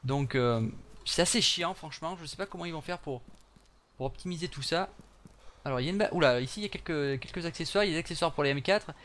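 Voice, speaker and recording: A man's voice: fairly high pitch, fast talker, a bit bright. A young man chatting through his gameplay for viewers, with joking asides. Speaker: gaming channel host. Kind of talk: live gameplay commentary.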